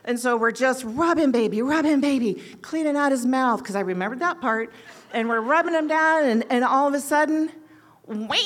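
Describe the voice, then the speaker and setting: A fairly high-voiced woman in her sixties tells a story to a crowd. She is a nurse with an animated delivery and acts out each quoted line with big leaps in pitch and loudness. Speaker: oncology nurse. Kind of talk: storytelling to an audience.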